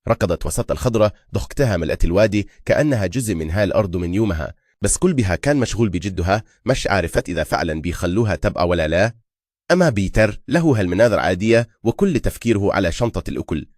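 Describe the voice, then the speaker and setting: A man tells a film's story as a scripted recap, his voice low and his delivery quick. The recording is dry and close, with no room sound behind him. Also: lively intonation, a little mellow, no room sound. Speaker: narrator. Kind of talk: scripted film recap narration.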